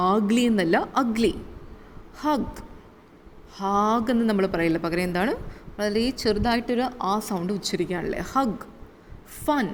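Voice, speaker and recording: A woman with a Malayali accent teaching a phonetics lesson, repeating and drawing out sample words and answering her own questions. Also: on the low side. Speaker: English teacher. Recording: long reverb, faint room noise.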